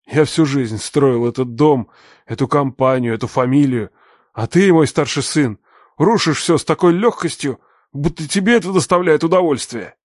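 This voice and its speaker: A man's voice: mid-range voice, moderate pace, a little mellow, no room sound, clean studio sound, pitched above the performer's own voice, natural voice. A man voicing a stern, furious older father who runs a company, barking commands in an audiobook reading. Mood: cold, threatening. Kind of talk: audiobook narration.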